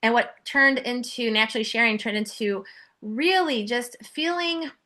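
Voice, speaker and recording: A woman in her forties, a podcast guest, telling her story in a chatty, animated way full of fillers. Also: on the high side, normal speed. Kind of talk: casual interview chat.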